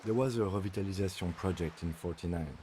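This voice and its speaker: An actor playing a calm, reserved police lieutenant who speaks in a measured, dry, understated way. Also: male voice, deep voice, slight background noise, lightly acted.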